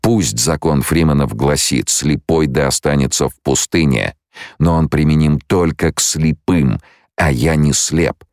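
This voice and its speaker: Voicing a blind prophet-leader, a male reader sounds calm, commanding, and resolute, his delivery slow and measured. The very low, gravelly voice is close and dry, with no room sound.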